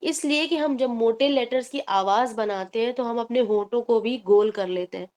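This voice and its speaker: A woman's voice: a little high, a little mellow. A woman teaching Quran recitation in an online class, explaining patiently step by step and mixing in English terms.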